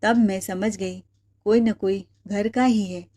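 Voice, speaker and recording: A woman's voice: mid-range voice, steady tone, slow pace, warm tone. Woman voicing a wronged, defiant young wife. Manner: earnest, firm.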